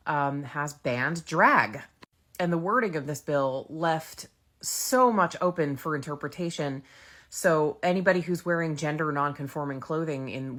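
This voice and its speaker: A woman's voice: deep voice, fairly bright tone. An American woman giving informal political commentary as a vlogger, blunt, emphatic and exasperated, her voice slightly muffled through a face mask. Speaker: vlogger, feminist lawyer commentator.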